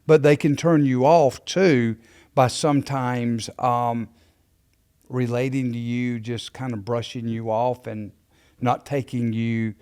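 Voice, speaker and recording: Man, podcast co-host, practiced explaining, quick lists, mid pitch. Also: flat delivery, a little mellow, clear, resonant tone. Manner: practiced, listing traits in quick runs. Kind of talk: casual ministry podcast discussion.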